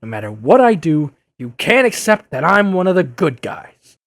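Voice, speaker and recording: Man acting an animated, earnest Spider-Man. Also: fairly high pitch, moderate pace. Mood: exasperated. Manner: earnest, impassioned, indignant. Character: earnest, exasperated wisecracking young male masked superhero. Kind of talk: audio drama acting.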